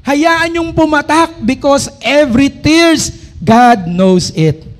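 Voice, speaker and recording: A middle-aged male pastor preaching a sermon, often calling out to the congregation and reading scripture slowly and loudly. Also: very high-pitched, expressive. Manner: preaching with frequent call-and-response to the congregation.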